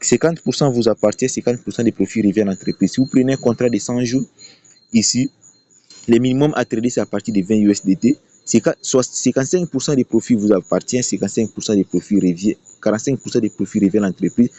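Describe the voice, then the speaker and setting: A mellow, mid-range male voice speaks fast in this dull, lo-fi recording. He's a YouTube presenter promoting a trading platform, walking through an unscripted screen-share tutorial with emphatic explanations and frequent repetition of his phrases.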